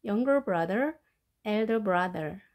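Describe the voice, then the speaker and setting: A woman with Korean as her first language, teaching English family words and slowly drilling their pronunciation. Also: mid-range voice, lively intonation, a little mellow. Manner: slow, careful pronunciation drills. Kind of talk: vocabulary lesson.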